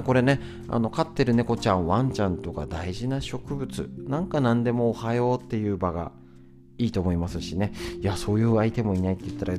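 A man hosting a solo podcast in a chatty, conversational way, often pausing with fillers and tag questions, and sometimes reading aloud from a book. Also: lowish voice. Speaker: podcast host. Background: guitar music.

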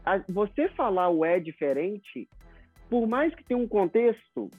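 A man's voice: sits high, sing-song, measured pace, no echo, faint music behind. A Brazilian man teaching English pronunciation in an interview, explaining with acted-out example dialogues. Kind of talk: casual interview talk. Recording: tinny phone-like sound.

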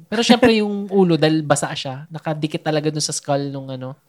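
A man's voice: on the high side, a little fast, darkish tone. A young man in casual chat, recounting a birth as a meandering storyteller who searches for his words. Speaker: new father recounting a birth.

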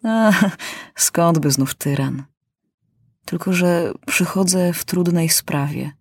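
A woman's voice: on the low side, takes it slowly, a little mellow, slightly rough, no room sound, clean studio sound, full character voice. A woman reading a storybook, voicing a timid, polite old male court doctor who talks hesitantly.

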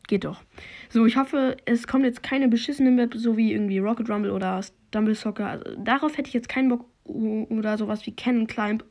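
A woman hosting a podcast while playing a video game, commenting casually and swearing, recorded on a low-quality phone microphone. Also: moderate pace. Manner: slangy, swears, talks to herself and her listeners.

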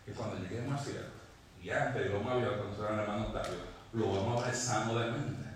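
A man's voice: lowish voice, fast talker, far from the mic, a little hiss or hum. Fervent male preacher in an echoey church. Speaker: pastor. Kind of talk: sermon.

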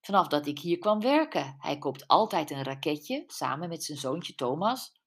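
Woman reader as brash gossiping canteen lady, husky and lowish, blunt delivery. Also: sing-song, moderate pace. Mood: gossipy. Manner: blunt, chatty.

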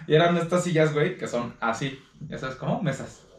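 A young man with a Mexican accent and a fairly high voice tells a story in slangy, animated chat, breaking into laughter. He sits a bit back from the mic in a roomy, echoing space. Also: a little fast, distant mic. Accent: Mexican Spanish.

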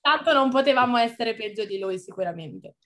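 A woman's voice: fairly high pitch, expressive, a little fast, fairly bright tone. An Italian woman giving casual, blunt opinions as a guest on a football show. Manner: blunt, informal.

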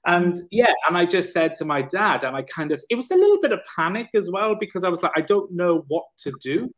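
A man's voice: high voice, animated, brisk. Candid man telling a personal story. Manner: open, emotional, casually swearing, many fillers and restarts. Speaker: podcast guest, personal trainer and counsellor.

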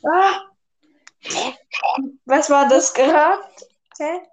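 A woman's voice: high-pitched, drawn-out words. A woman playing a shooter game with a friend, chatting casually in slang, teasing and often laughing. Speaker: gamer. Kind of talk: casual gaming chat.

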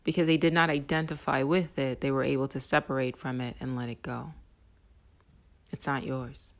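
A vlogger giving an intense spiritual monologue with casual swearing, often dropping into soft whispers. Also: medium pitch, flat delivery, moderate pace. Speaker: self-help vlogger.

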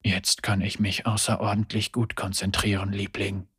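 A man voicing a wry, low gunfighter hero. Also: slow pace, a bit bright, breathy edge, no room sound, full character voice. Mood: quiet low. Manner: dry, wry, understated.

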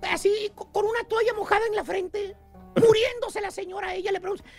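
A man hosts a comic radio show, ribbing his co-hosts and spinning mocking slang-filled anecdotes. His voice sits very high and carries a gravelly edge, with faint music underneath. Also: fairly even intonation, fairly quick. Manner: teasing, mocking storyteller with slang.

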